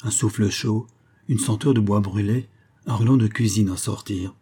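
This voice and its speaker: A man narrating a novel aloud in a steady, measured storytelling manner. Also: fairly low pitch, husky.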